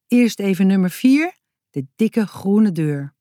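A woman's voice: medium pitch, lively intonation, slow pace, warm tone, no echo, clean studio sound. A woman voicing an earnest, inventive young boy who explains his plans in a storybook reading.

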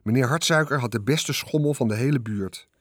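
A man's voice: a little fast, dry recording, clean studio sound. A man reading a children's story aloud, expressively following the action with his voice. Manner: expressive, swings pitch with the action. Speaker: narrator. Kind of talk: storybook narration.

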